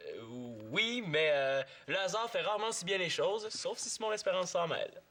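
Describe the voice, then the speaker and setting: A man's voice: high voice, expressive, moderate pace, a bit bright, a little hiss or hum. An actor with a Quebec French accent playing a boastful, defensive teenage boy who schemes. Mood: cocky. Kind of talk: TV series acting.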